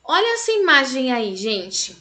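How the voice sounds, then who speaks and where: Woman teacher for small kids, slow and patient, sharp bright tone, keeps checking in. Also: high-pitched, very animated. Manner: patient, checks in often with short questions. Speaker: English teacher. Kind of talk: recorded class for young children.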